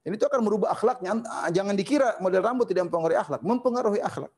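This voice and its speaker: A man giving an Islamic lecture on parenting in a conversational way, repeating phrases for emphasis and swinging between high and low. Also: lively intonation, rapid-fire, darkish tone, breathy edge. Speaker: Islamic preacher.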